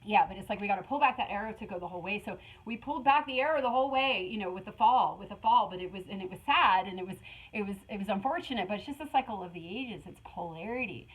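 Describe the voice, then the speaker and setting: A woman's voice: mid-range voice, fast talker, breathy edge, low-quality recording. Middle-aged woman, tarot reader, chatty and rambling, ordinary mid-range voice. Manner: animated, rambling, with frequent fillers and laughs. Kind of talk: casual spiritual collective reading.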